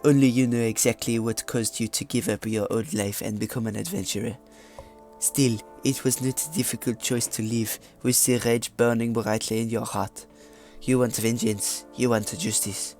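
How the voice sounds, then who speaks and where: A man's voice: mid-range voice, steady tone, normal speed, darkish tone, soft background music, close to an everyday voice. A man putting on a mock French accent to read a game story. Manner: hammy, stumbling over words while reading aloud.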